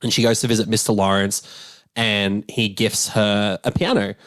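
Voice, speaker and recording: A man co-hosting a casual podcast as a film critic, talking in an animated, rambling way with restarts. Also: on the low side, normal speed, no room sound.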